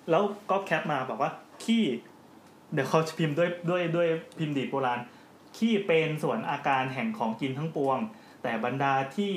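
A man's voice: fairly high pitch, a bit bright. A man hosting a podcast in casual chat, joking as he explains at length. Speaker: podcast host. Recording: roomy with faint background noise.

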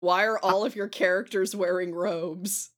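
A woman's voice: fairly low pitch, fairly even intonation, measured pace, fairly bright tone. A woman running a tabletop game, narrating casually as game master and bantering with players.

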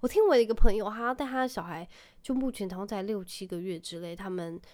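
A woman's voice: medium pitch, fast talker, darkish tone. A woman in her thirties hosting a podcast in Taiwanese Mandarin, chatty and self-deprecating, dropping in English phrases. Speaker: podcast host. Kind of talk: casual monologue.

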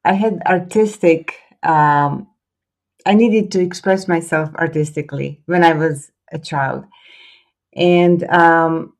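A woman's voice: fairly low pitch, darkish tone. A woman with a Croatian accent, a guest in a podcast interview, speaking hesitantly with many fillers and restarts. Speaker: guest photographer.

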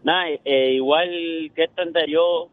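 A man's voice: on the high side, steady tone, normal speed. Hesitant man on a phone line. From Cuba. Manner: hesitant, many fillers. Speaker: caller. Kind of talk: phone-in call. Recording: tinny dry phone line.

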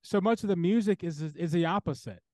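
A man's voice: high-pitched, fast talker, a little mellow, no echo. A man speaking as an interview guest and theologian, talking earnestly and building his points through repeated parallel phrases.

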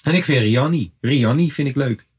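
A man, a father, co-hosting a podcast in casual, slang-heavy chat that breaks into animated, high-pitched exclamations. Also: fairly quick, breathy edge. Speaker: podcast co-host.

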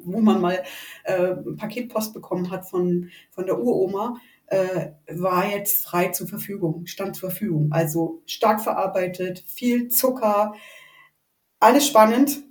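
In a casual interview, a podcast guest of 48 from Rostock, northern Germany, hesitantly recounts her personal story in a northern German accent. Her voice sits on the low side with a darkish tone, captured in an echoey room well away from the mic.

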